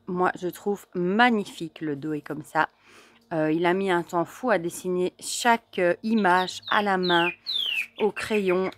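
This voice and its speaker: Chatty woman with a lowish voice, birdsong behind. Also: noisy background. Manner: chatty and enthusiastic, many fillers and repeated words. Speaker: tarot deck reviewer. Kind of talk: casual show-and-tell to camera.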